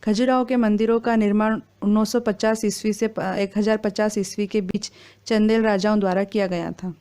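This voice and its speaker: A woman reading exam quiz questions and their answers in a steady, formal recitation. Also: medium pitch, normal speed, smooth.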